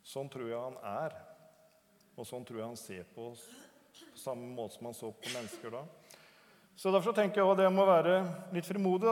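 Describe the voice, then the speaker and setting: Hesitant man preaching in reverberant hall. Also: medium pitch. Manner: hesitant, conversational, many fillers and restarts. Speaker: lay preacher. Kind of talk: informal church talk. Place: church hall.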